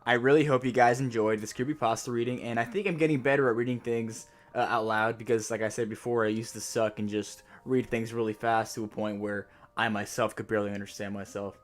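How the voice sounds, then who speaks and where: A man's voice: medium pitch, little pitch movement, fairly quick, hardly any pauses. A man speaking casually to his viewers as the host of a video channel.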